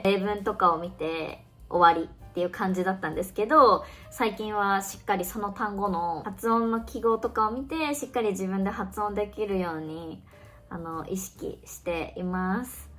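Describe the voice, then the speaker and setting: Woman, 20s, teacher vlogging her day; chatty, thinks aloud; faint music bed. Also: mid-range voice. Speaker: online Japanese teacher. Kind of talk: casual vlog narration.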